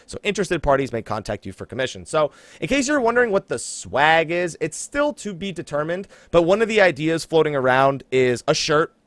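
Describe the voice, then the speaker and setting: Recorded dry, a man with a fairly high voice hosts a casual gaming podcast, an American from New Jersey making announcements. He keeps it jokey and informal, breaking off here and there to laugh and ad-lib.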